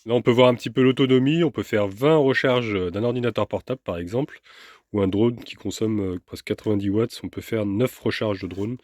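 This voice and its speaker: Low-voiced man chatting through an unboxing. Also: brisk, no echo. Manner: relaxed, chatty, with filler hesitations. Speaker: vlogger reviewing a power station. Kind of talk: casual product unboxing.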